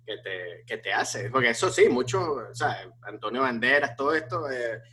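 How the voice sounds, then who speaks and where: A man's voice: medium pitch, normal speed, husky. A man, a stand-up comedian, talking casually with lots of restarts and fillers. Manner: animated, many restarts and fillers. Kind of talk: casual conversation.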